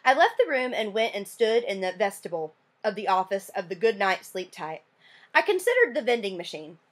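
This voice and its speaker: A woman reads a chapter book aloud to her class at a middle pitch. Her pitch moves a lot, which makes the narration sound expressive and animated. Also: a little fast. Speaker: teacher reading a book aloud. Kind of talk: read-aloud storytelling.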